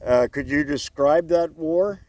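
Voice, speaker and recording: A man's voice: on the high side, measured pace, darkish tone. A man from Canada interviewing outdoors, asking questions hesitantly and often restarting them. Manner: hesitant, starts questions twice. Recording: windy outdoor recording, boat noise.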